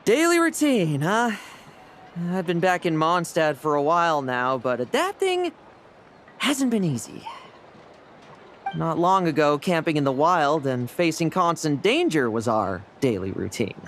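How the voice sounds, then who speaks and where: A dry, sighing young knight. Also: male voice, fairly high pitch, very animated, measured pace, a bit bright, slight background noise. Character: young male knight back from an expedition, wary and dry. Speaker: knight recruit back from an expedition. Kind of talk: video game voice acting. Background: game music.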